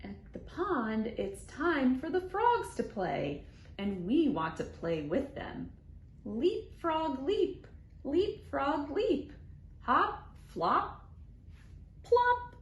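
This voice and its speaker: An expressive, high-pitched woman, a children's librarian leading storytime, reads a rhyming picture book aloud to little ones. Her phrasing is deliberate, animated and sing-song, with playful sound words. The recording has roomy echo and faint background noise.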